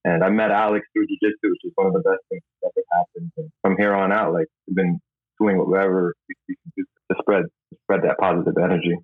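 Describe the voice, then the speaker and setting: A man's voice: low-pitched, steady tone, quick pace, no room sound, soft background music. A man in his thirties from the Philippines, a guest telling his story in an easygoing, good-humored way. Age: 30s. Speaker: guest, jiu-jitsu instructor. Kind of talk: casual interview talk. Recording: tinny phone-like line.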